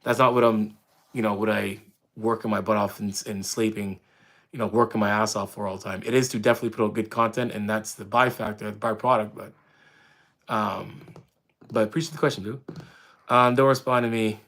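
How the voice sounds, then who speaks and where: A man's voice: on the low side, fairly even intonation, brisk, fairly bright tone. Easygoing Canadian man chatting on stream. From Windsor, Ontario, Canada. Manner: loose and friendly, reads chat questions aloud, frequent fillers and restarts. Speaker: fitness streamer answering chat. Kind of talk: casual live-stream chat.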